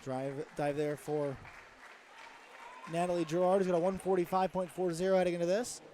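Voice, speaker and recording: A man giving live commentary at a diving championship, briskly announcing each diver and score. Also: sits high, warm tone, a faint crowd, a little hiss or hum.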